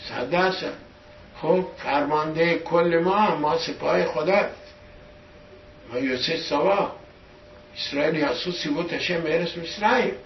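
A man giving a storytelling sermon as a religious teacher, pushing key words louder for emphasis. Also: a little high, vocal fry, slight background noise. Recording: echoey room from a distant dull mic.

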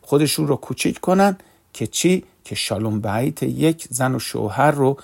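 A man's voice: medium pitch, expressive, vocal fry, darkish tone, slightly rough. A man giving a sermon in Persian, telling a moral story in an earnest way and acting out the quoted lines.

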